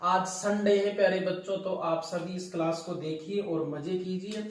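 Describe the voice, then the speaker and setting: A man's voice: sits high, steady tone, normal speed. A man teaching English grammar, calling his viewers dear children and answering his own questions as he goes. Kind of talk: classroom lesson to students. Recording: very echoey room, voice from far off.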